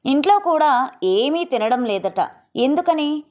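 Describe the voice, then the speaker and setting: A woman voicing a remarried father who coaxes his daughter, gentle but hurried and awkward. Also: high voice, animated, pitched above the performer's own voice. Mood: coaxing.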